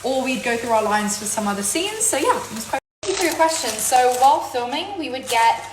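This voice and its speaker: A teenage actress, born in New York and raised in London, answers fan questions in her home kitchen for a casual vlog Q&A. Her high voice is very animated and a little fast, mostly British with occasional American slips, and she chats, giggles lightly, and repeats "really, really." The sound is roomy with a noisy background.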